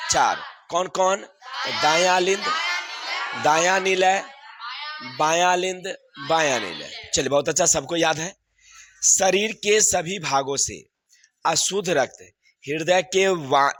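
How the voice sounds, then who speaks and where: A man's voice: on the high side, a bit bright. A man, teaching a class and going over exam answers, repeating questions and laughing often.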